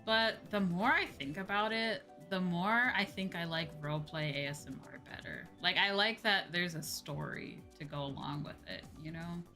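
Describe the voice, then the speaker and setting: Over video game music, a woman streamer and VTuber host chats casually with her viewers while gaming, rambling, repeating phrases and swearing freely. Her voice is fairly low and sharp in tone, moving at normal speed with few pauses.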